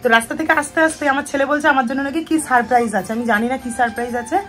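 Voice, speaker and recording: A woman's voice: high voice, rapid-fire, a bit bright. A woman in her thirties, a mother chatting casually to her viewers while vlogging on a phone, first out walking on a street and then at home. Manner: chatty, addresses viewers directly. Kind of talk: casual vlog narration to viewers. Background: background music.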